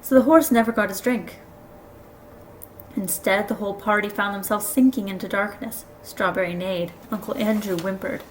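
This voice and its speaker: A woman reading a children's novel aloud, expressive and lively. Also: mid-range voice, moderate pace, slight background noise, poor audio. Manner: expressive, does voices for characters. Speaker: storybook reader.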